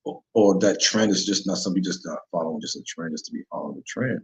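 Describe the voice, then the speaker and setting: A man's voice: sits low, quick pace. A man hosting a casual solo sports betting talk show, rambling in slang and often correcting himself. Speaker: sports betting podcast host. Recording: dull lo-fi recording.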